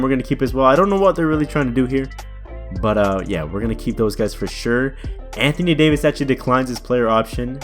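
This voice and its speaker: A young man casually commentating a basketball video game, chatty and thinking aloud, with faint music behind him. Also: medium pitch. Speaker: gaming YouTuber.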